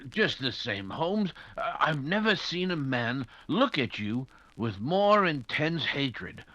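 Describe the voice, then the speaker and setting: A flustered gentleman doctor, played by a man in an old-style radio mystery, stammering with worry. His voice is bright and fairly high with animated swings, in slightly dull sound. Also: slow, no echo, full character voice. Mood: worried. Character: anxious, loyal, flustered English gentleman doctor, detective's companion. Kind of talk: 1940s radio drama acting.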